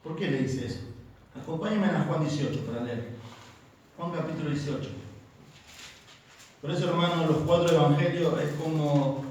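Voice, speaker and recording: A man with an Argentine accent preaches emphatically, throwing questions out to his listeners. His fairly high voice rings through a very echoey church and sounds set back from the mic, with a faint hum of the room behind him. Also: normal speed, long pauses, darkish tone, far from the mic. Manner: emphatic, asks the congregation questions. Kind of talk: sermon.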